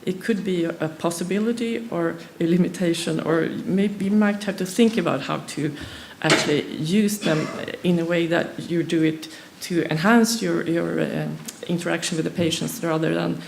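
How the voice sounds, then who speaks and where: Presenting at a conference in her second language, English, this woman from Sweden stumbles often, using many fillers and starting over repeatedly. She has a fairly low, creaky voice with fairly even intonation, and there's background noise.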